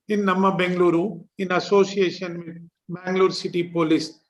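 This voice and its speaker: A man's voice: sits high, fairly bright tone, poor audio. A man, a district governor delivering a formal prepared speech at a ceremony. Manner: formal, reading a prepared address.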